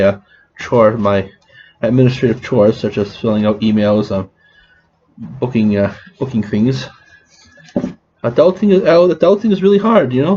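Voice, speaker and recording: In a loose, rambling vlog, a man speaks in a medium-pitched voice that is a bit scratchy and mellow. He halts often, restarting sentences and filling gaps with fillers. The audio sounds slightly dull, with a faint hiss underneath.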